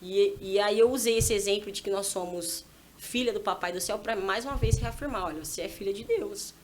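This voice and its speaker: A guest on a church podcast, mother of a small daughter, tells a heartfelt parenting story as casual testimony. Rapid, chatty and animated, she acts out the dialogue by voicing both herself and her child in a medium-pitched voice. Faint room noise sits in the background.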